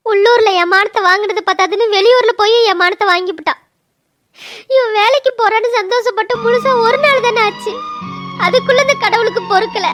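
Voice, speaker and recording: A woman voicing a young wife in a cartoon, bitter and sharp-tongued about her drunkard husband. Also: extremely high pitch. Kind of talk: cartoon voice acting.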